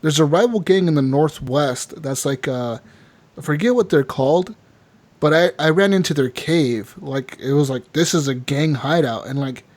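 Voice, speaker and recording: A man co-hosting a casual gaming podcast, telling animated stories full of swearing and constant filler words. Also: fairly high pitch, moderate pace. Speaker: podcast co-host.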